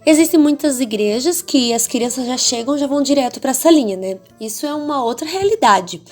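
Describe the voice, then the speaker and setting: A woman with a Brazilian accent teaching an online course for children's ministry teachers, expressive and speaking straight to the viewer with frequent check-ins. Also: sits high, fairly quick, faint music behind. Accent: Brazilian Portuguese. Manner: demonstrates varied, theatrical intonation.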